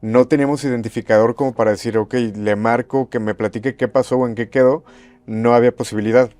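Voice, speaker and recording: A man, a former radio host, recounting eerie on-air calls in a measured storytelling way. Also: medium pitch, steady tone, darkish tone, no echo, soft background music. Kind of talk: storytelling interview chat.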